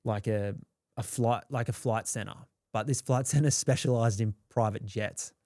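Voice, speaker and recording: A man's voice: on the low side, steady tone, normal speed, dark tone, no echo, clean studio sound. A young Australian man telling his story in a candid, rambling way, swearing freely and acting out quotes. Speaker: guest.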